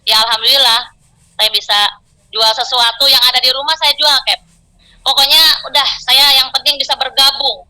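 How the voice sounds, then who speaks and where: A middle-aged woman recounts her own hardships in a heartfelt testimony, acting out the voices of others in her story. Her voice is very bright and sits a little high. The sound is thin and tinny, like a telephone recording. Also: fairly even intonation, moderate pace. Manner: emotional, storytelling with quoted dialogue. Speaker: business success story guest. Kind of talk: personal testimony.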